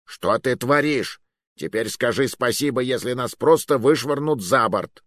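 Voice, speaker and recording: A man's voice: medium pitch, lively intonation, unhurried, no echo, clean studio sound, lightly acted. A man voicing a fat, easygoing male companion in an audiobook who brushes off worries and scolds bluntly. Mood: scolding.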